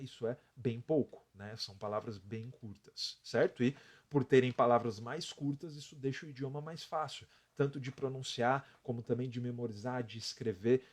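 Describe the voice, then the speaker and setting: A Brazilian man teaching English on a live stream, explaining step by step, counting out letters and often adding a tag question. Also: medium pitch. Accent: Brazilian Portuguese.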